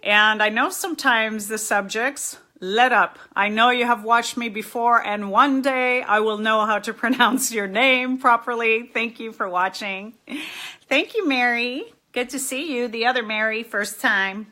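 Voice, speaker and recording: A middle-aged woman, a therapist from New York and Miami, hosts a casual live stream, chatting, poking fun at herself, and greeting viewers by name. Her fairly high voice is bright and forceful at a measured pace.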